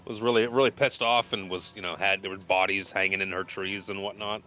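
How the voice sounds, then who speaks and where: A man's voice: sits low, steady tone, fairly quick, pushed and bright, a little hiss or hum. A man speaking casually as the game master of a tabletop role-playing session, explaining rules and calling turns.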